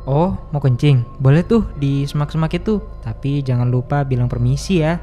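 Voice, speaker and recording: A voice actor with a mid-range, warm, natural voice speaks at a moderate pace, with faint music behind him. He plays a calm hiking group leader in an animated horror story, giving directions and reassuring his companions in a steady, instructive way.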